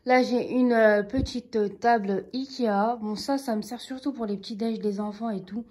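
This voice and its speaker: Filming her indoor living room on a handheld phone while staying off screen, a home vlogger in her thirties narrates a relaxed tour with friendly asides to viewers. She's of Turkish heritage, lives in France, and speaks at normal speed in a steady, fairly high, slightly mellow voice.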